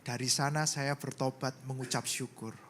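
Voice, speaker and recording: A pastor with an Indonesian accent preaching a sermon in church, telling a story with loud bursts and soft asides. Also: male voice, mid-range voice, fairly even intonation, normal speed, a little hiss or hum.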